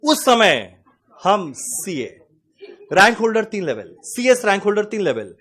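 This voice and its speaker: Brief: male teacher, forties, fairly high voice, explains through animated anecdotes. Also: measured pace, breathy edge. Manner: animated anecdotes, acts out dialogue. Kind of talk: classroom lecture with storytelling.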